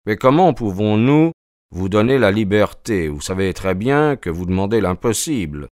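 A man's voice: lowish voice, expressive, moderate pace, a little mellow, no room sound, studio quality, natural voice. A man putting on a greedy scheming army officer. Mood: brisk.

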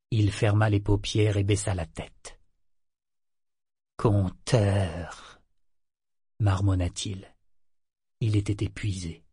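A man narrating an audiobook in a measured, even storytelling manner. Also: fairly low pitch, breathy edge, no echo, clean studio sound.

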